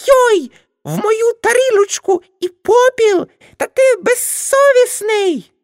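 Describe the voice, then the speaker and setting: A shrieking, scolding old aunt. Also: female voice, very high voice, expressive, slow, no room sound, clean studio sound, voice pushed up, exaggerated voice. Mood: shrill scolding. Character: aunt Nastia, older scolding shrill woman.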